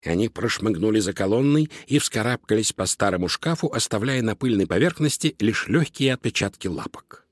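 A man narrating a children's storybook in an expressive, lively reading. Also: fairly low pitch, a little fast, slightly rough, no echo, clean studio sound. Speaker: audiobook narrator.

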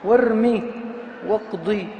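A high-voiced man gives a grammar lecture and drawls his examples out, chanting them syllable by syllable. His voice rings with long reverb in a big hall, over a faint hum of ambience. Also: warm tone. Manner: repeats and chants example words slowly, stressing each syllable. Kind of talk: classical Arabic grammar lesson.

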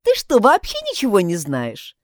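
A woman voicing a haughty young housemaid quick to take offence, in an audiobook. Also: mid-range voice, huge pitch swings, no echo, studio quality, pitched above the performer's own voice. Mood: indignant. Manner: haughty, indignant.

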